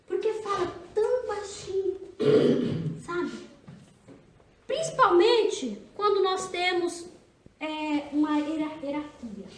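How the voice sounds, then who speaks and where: Her voice extremely high, a Brazilian woman pastor teases and chats her way through a women's church seminar, regularly asking listeners questions. The echoey church hall is recorded from a distant mic, with slight background noise.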